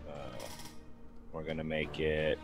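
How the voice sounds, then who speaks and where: A man playing a tabletop game, talking casually and haltingly as he works out his move. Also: rumbling low, monotone, soft background music. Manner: halting, working things out as he speaks. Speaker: player in a tabletop RPG. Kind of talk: casual table talk, thinking aloud.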